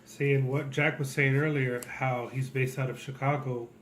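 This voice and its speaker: A man with a middle-pitched voice talks casually over faint background noise. He is opinionated and explains his complaint point by point, in the manner of a co-host. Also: level tone, moderate pace, fairly bright tone. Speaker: co-host and toy collector.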